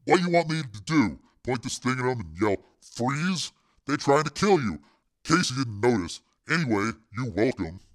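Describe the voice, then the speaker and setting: A man voicing a huge, unflappable street enforcer in an audiobook, deep-voiced, with a laconic, slangy delivery. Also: sing-song, normal speed, lightly acted. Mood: annoyed, sardonic.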